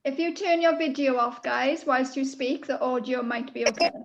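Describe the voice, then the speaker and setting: A woman's voice: high-pitched, normal speed, vocal fry, background noise. A woman hosting an online school event over a video call, prompting participants in an informal way. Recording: dull video-call audio.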